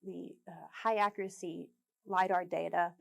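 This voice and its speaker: Woman giving a relaxed conference talk. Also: lowish voice, moderate pace, gravelly. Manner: filler-heavy, relaxed, with light jokes. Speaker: conference presenter. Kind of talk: conference presentation.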